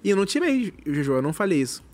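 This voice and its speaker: A man's voice: high voice, very animated, very fast, a little mellow. A Brazilian man with a tongue-tied, slushy lisp on his s sounds, chatting casually and insistently, often repeating himself. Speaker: reality show ex-contestant guest. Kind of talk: casual chat.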